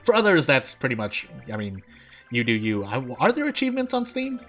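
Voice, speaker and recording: A man gives casual game commentary at a middling pitch while music plays behind him. He thinks out loud in a loose, wandering way. His overbite shows in his articulation, with his teeth catching his lip on some syllables. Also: wildly swooping pitch, fairly quick. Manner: rambling, thinking aloud. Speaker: gaming streamer.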